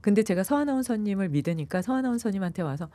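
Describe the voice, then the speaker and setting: Animated woman with a lively, mellow voice. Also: medium pitch, rapid-fire, no room sound. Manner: animated, acts out quoted voices. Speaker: meditation yoga expert guest. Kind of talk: radio talk interview.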